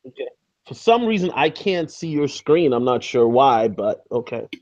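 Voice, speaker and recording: A man hosting a casual live-stream interview over a video call, his audio choppy and lo-fi from a bad connection, talking in a halting way with many fillers. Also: mid-range voice, very animated, a little mellow, dry recording. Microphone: video call from a backup laptop.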